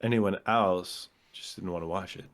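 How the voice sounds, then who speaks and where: Podcast co-host, male, lowish voice, chatty and analytical, goes on at length about craft. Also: normal speed. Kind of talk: casual chat.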